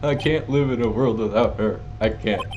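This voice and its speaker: A man's voice: on the low side, moderate pace, lo-fi sound, natural voice. A man voicing a melodramatic, despairing young man accused of murder in a video game. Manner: wailing, dramatic. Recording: music behind the voice.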